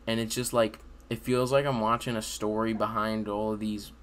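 A man's voice: lowish voice, level tone, moderate pace. A man in his late teens hosting a podcast, chatting casually and informally from his room at home. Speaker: podcast host. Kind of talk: casual chat. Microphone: desk microphone on video call.

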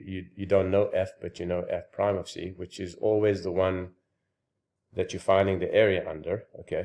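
A man hosting his own math channel, explaining calculus in a halting lecture with frequent pauses and restarts, slightly out of breath. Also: low-pitched, a little mellow.

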